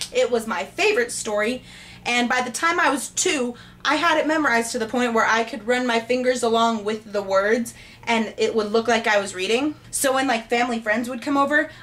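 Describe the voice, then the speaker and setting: A woman vlogger telling a childhood story to camera in a bubbly, excitable, self-mocking way. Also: a little high.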